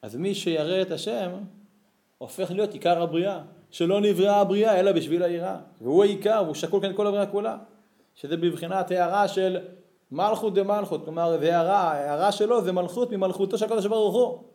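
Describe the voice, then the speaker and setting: A man's voice: sits high, warm tone. Man teaching a Torah lesson, echoey. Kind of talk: religious lesson.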